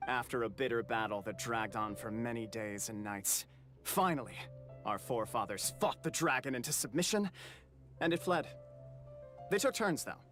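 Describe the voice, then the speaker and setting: A man's voice: medium pitch, pitched above the performer's own voice, lightly acted. A man voicing a proud, formal male clan elder who speaks grandly for a game.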